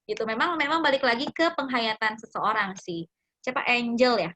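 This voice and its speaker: A woman psychology practitioner talking casually to a youth group, animated and acting out quoted speech. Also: fairly high pitch, moderate pace. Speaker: guest speaker, psychology practitioner.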